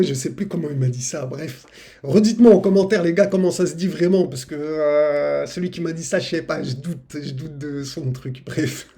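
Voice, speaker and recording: A man's voice: fairly high pitch, mellow. A man, a crypto YouTuber giving a casual, hype-driven chart analysis and talking chummily to his viewers.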